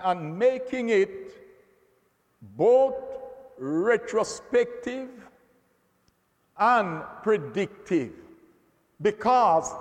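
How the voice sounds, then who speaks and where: A man teaching from the Bible in a slow, emphatic way, often repeating words as he builds his point. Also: high-pitched. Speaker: preacher. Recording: long hall reverb.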